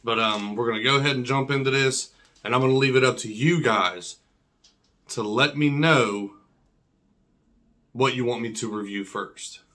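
A man's voice: mid-range voice, normal speed, long pauses, bright, forceful tone. A man in his thirties with a whistling s, chatting casually and slangily as he presents an unboxing, often repeating himself. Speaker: coffee review vlogger. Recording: clear background noise and clicks.

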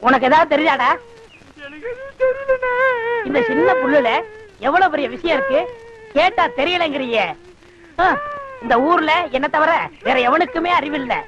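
An actor playing a naive village simpleton who keeps asking silly questions in a film comedy. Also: male voice, very high-pitched, unhurried, pauses often. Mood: boastful. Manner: childish pestering questions. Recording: dull lo-fi film soundtrack.

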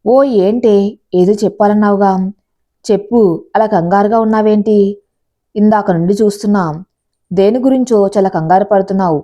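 A woman's voice: mid-range voice, moderate pace, long pauses, mellow, lightly acted. Woman reading an angry sarcastic young man. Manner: sarcastic and scolding. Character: angry jealous young man, the fiancé uncle.

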